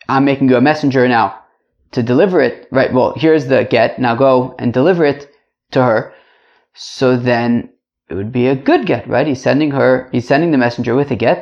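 A man's voice: medium pitch, creaky, a little mellow, muffled recording. A man teaching an informal religious lesson to a class, chatty, repeating phrases and checking in with rhetorical questions. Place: indoors.

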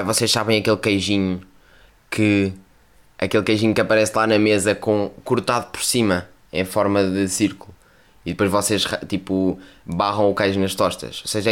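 A young man with a European Portuguese accent, hosting a solo podcast in a casual, rambling way, full of slang and swearing. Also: lowish voice. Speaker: podcast host.

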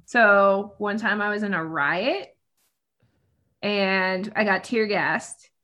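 Bright chatty woman guest. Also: medium pitch, takes it slowly. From New Mexico, USA. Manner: chatty and laughing, jumps in with her own anecdotes. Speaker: podcast guest. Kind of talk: casual podcast chat.

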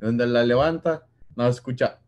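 A man's voice: mid-range voice, normal speed, darkish tone. A young man with a Mexican accent, chatting with friends and telling a story that he acts out with sound effects and slang. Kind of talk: casual chat among friends.

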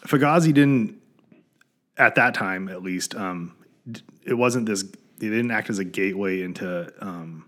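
A man in his forties co-hosting a podcast, talking in halting casual chat with many fillers. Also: sits low. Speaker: podcast co-host.

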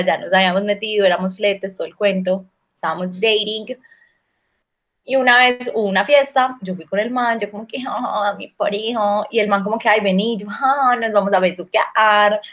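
A woman's voice: mid-range voice, a little fast, fairly bright tone. Playful young Colombian woman telling a story. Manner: playful storytelling, mock-formal asides, lots of slang. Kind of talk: casual chat.

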